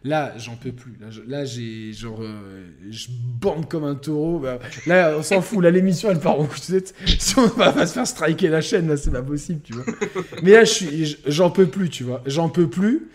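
A young man co-hosting a podcast, telling a crude story in a rambling, animated way with lots of fillers. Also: a little high, moderate pace, hardly any pauses, a crowd in the background. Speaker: podcast co-host. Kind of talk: casual storytelling chat.

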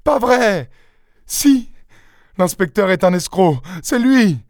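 A man voicing a panicked middle-aged wife, frantic and shrill, sobbing as she cries out. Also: animated, slow, darkish tone, dry recording, studio quality, heavily acted.

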